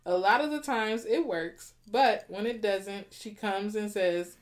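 Woman cohosting a relationship podcast, lively and playful, laughs a lot. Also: medium pitch, a little slow. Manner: animated, laughing, teasing. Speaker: podcast co-host. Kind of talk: casual relationship podcast chat.

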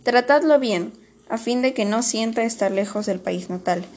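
Storybook part: a grave, solemn male teacher, read by a woman. He is formal and earnest and speaks in measured lines. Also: a little high, a little mellow, slight background noise, natural voice. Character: solemn, stern male schoolteacher, middle-aged.

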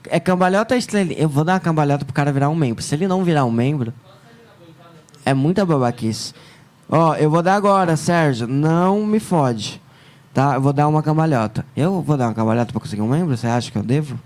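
A man hosting a live stream, joking and chatting in a playful, excitable way. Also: on the high side, fast talker.

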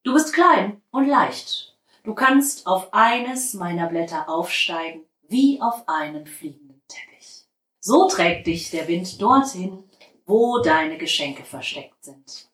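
A woman voicing a big old talking tree in a storybook, deep-voiced, calm and friendly. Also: slow pace, echoey room. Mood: gentle. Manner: gentle, friendly and patient.

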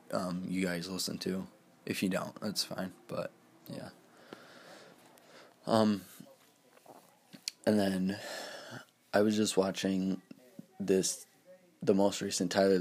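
An eighteen-year-old man talking casually on his own, rambling with lots of fillers and restarts. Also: deep voice. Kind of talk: casual solo talk.

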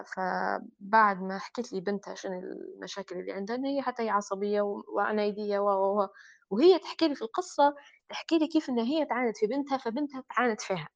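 Woman, Libyan accent, rapid speech, dry close sound, explanatory with filler pauses. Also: mid-range voice, no echo, dull audio. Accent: Libyan Arabic. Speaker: psychologist guest. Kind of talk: panel discussion.

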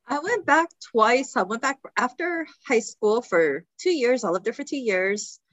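A woman's voice: a little high, expressive, a little slow, a bit bright, no echo. Chatty young woman from Egypt. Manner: chatty, lots of "like" fillers. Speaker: podcast guest. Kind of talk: casual interview chat.

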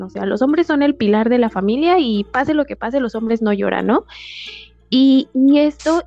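Young woman chatting candidly, mellow higher voice, kinda muffled audio with faint music. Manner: candid, many filler tags. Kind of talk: casual chat.

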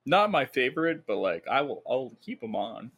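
A man's voice: mid-range voice, very animated, moderate pace, fairly bright tone, breathy edge. A young man hosting a casual podcast over Discord, swearing freely and laughing often. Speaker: podcast host.

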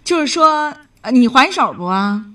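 A woman's voice: high voice, big pitch swings, normal speed, bright, forceful tone, distant mic. A woman hosting a radio advice call-in, talking in a direct, blunt way.

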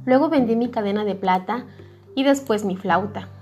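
A woman voicing a kindly, humble young gardener who speaks gently and gratefully in a storybook reading. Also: mid-range voice, moderate pace, soft background music, close to an everyday voice. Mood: gentle. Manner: gentle, grateful, soft-spoken.

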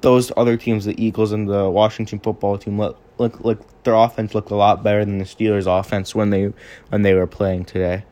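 A man's voice: on the low side, flat delivery, brisk, warm tone. A young man hosting a casual sports podcast, recapping games off the cuff, with frequent restarts and stumbles. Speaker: podcast host.

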